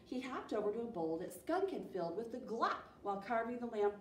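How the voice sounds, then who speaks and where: A woman in her thirties, her voice a little high and brisk, reads a children's picture book with animated expression as a storytime presenter. She's in a small library room indoors, picked up by a distant camera mic, so the sound is roomy with faint noise.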